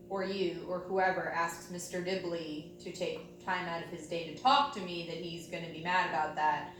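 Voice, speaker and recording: Woman playing a chatty teen student, lowish voice, casual, super echoey room. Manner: informal teenage-style talk, peppered with "like". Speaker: playing a student in counseling role-play. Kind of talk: casual role-played chat as a chatty school student. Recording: very echoey room with faint hum.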